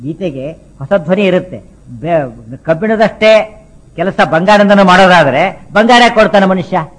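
A man's voice: high voice, animated, rough recording. Man giving a spiritual discourse. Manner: repetitive, rhetorical questions, chants verses slowly. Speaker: religious speaker.

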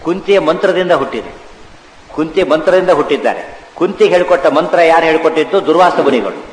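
A man giving a devotional discourse on scripture. He explains patiently, chants the verses slowly and asks and answers his own questions. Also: on the high side, expressive. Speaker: religious teacher. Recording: echoey hall, faint ambience.

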